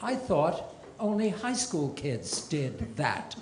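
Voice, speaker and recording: A man's voice: on the high side, wildly swooping pitch, slow pace, heavy background noise. An older man doing a stand-up comedy set on a club stage, delivering dry one-liners with self-deprecating asides. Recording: roomy club with loud audience laughter.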